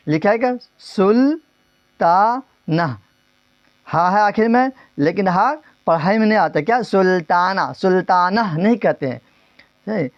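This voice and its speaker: A male teacher giving a grammar lesson, asking questions and repeating the answers, drawing some words out slowly and rushing through others. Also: sits high, dry recording, highs cut off. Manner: drills terms, asks and repeats answers; stretches words slowly, then speeds up.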